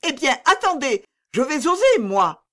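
A woman's voice: a little high, big pitch swings, normal speed, a bit bright. Woman voicing an imperious, impatient princess. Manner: haughty, pressing, exasperated, ironic. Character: imperious impatient young princess, royal lady. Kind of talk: audiobook character reading.

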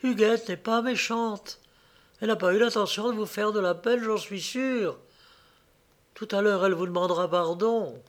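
A man voicing a gentle, shy young village woman who speaks softly and tremblingly in a read-aloud story. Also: sits high, expressive, unhurried. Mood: soft, anxious. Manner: soft, timid and trembling.

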